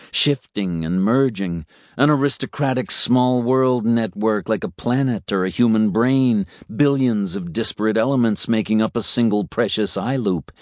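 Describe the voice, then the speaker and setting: A man reading a story aloud in a measured, unhurried way. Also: on the low side, a little mellow, no echo, clean studio sound. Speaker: narrator. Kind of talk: storybook narration.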